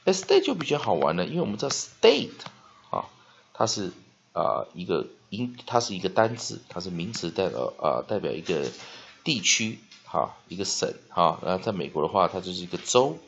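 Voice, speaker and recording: A man teaching spelling and pronunciation, dotting his speech with "ah" and "ha" and slowly drawing out words to model them. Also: sits low, sing-song, gravelly. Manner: frequent "ah" and "ha" fillers, slow drawn-out modeling of words. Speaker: English teacher. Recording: dull lo-fi recording.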